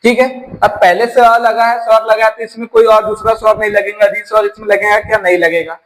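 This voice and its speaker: A man's voice: sits high, level tone, brisk, fairly bright tone, faint music behind, low-quality recording. A man from teaching an exam-prep grammar lesson, explaining step by step and asking his class rhetorical questions.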